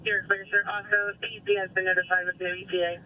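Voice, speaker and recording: A narrow, phone-like radio channel with some noise carries a male fire dispatcher. His voice is high for a man, and he gives businesslike, formulaic read-backs to firefighters. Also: level tone, fast talker. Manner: procedural, businesslike. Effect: two-way radio.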